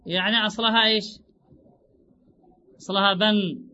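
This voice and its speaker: A man teaching grammar in a classroom lecture, repeating his points, drawing out example words slowly and asking rhetorical questions. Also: high-pitched, steady tone, pushed and bright, slight background noise. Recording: dull lo-fi recording.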